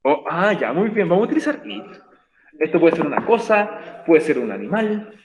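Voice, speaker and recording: A man's voice: a little high, big pitch swings, moderate pace, roomy sound. Patient man teaching a class. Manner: patient, encouraging, explains step by step. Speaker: English teacher. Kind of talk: online class explanation.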